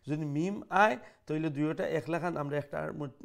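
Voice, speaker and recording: A middle-aged man teaching Quran recitation, chanting verses slowly and explaining pronunciation in mixed with English. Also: fairly high pitch, gravelly.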